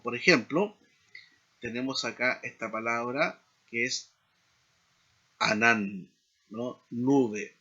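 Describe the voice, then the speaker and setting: A man teaching a seminary class in a slow explanatory lecture, often checking in with tag questions. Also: medium pitch, pushed and bright, dull audio. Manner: frequent tag questions, deliberate pacing.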